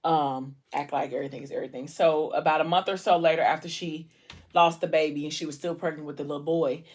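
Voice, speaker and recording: A woman's voice: deep voice, steady tone, quick pace, a little mellow. A woman vlogger retelling a story in a casual, colloquial, gossipy way with acted-out dialogue.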